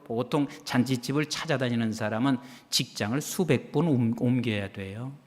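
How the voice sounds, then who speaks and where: A man preaching a sermon as pastor, emphatic, calling on the congregation for amens and swinging between hushed and loud delivery. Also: mid-range voice. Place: church sanctuary. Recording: long reverb of a church hall.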